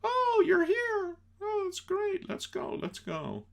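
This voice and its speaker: A giddy falsetto young blonde woman, as a man puts her on. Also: wildly swooping pitch, slow, creaky, full character voice.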